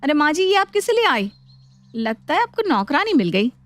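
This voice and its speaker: A woman's voice: high-pitched, sing-song, moderate pace, fairly bright tone, voice pushed up. A woman voicing a young daughter-in-law who answers back firmly and argues, in a cartoon story. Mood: argumentative. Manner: firm, argumentative.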